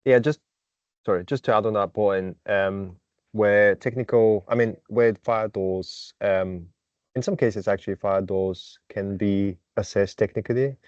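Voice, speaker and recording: A man speaking in a measured, hesitant way in a meeting, heard over a video call. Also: fairly low pitch, fairly even intonation, darkish tone, dry recording. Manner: measured, hesitant, with many pauses. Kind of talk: meeting contribution. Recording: dull, dry video-call audio.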